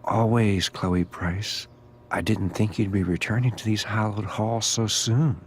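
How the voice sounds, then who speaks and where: A man playing a creepy, cryptic, gently philosophical school groundskeeper in a video game, with a slow, ominous drawl. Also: fairly low pitch, steady tone, slight background noise, close to an everyday voice. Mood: cryptic, knowing. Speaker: groundskeeper character.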